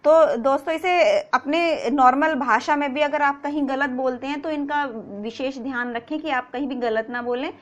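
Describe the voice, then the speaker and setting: A woman's voice: sits high, steady tone, moderate pace, hardly any pauses, muffled recording. A woman teaching a grammar lesson, patiently repeating example words and asking rhetorical questions. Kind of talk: explanatory video lesson.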